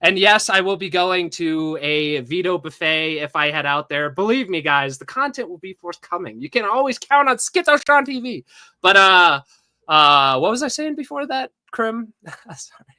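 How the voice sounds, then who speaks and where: A man's voice: sits high, expressive, normal speed, pushed and bright, clean tone, no echo. A man hosting a casual podcast chat, ranting with lots of swearing and mimicking people. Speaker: podcast host.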